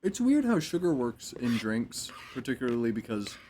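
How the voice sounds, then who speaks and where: A man chatting casually off to the side of a stream, relaxed and playfully teasing. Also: mid-range voice, moderate pace, slight background noise. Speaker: stream co-host. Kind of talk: casual chat.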